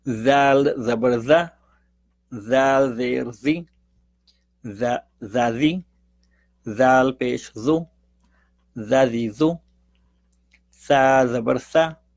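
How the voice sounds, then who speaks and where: A man leads a lesson on how to pronounce the letters of the Quran. He works through syllables in a slow, careful drill, then gives quicker spoken explanations. His voice sits at a middle pitch and sounds dry and close. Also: no room sound. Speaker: Quran reading teacher. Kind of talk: recited pronunciation lesson.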